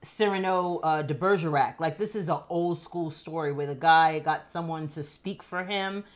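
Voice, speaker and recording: A woman's voice: low voice, moderate pace. A middle-aged woman co-hosting a family podcast. She tells stories in a casual, chatty way and repeats her phrases as she goes. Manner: storytelling, repeats phrases, animated retelling. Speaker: podcast co-host, mother of the family.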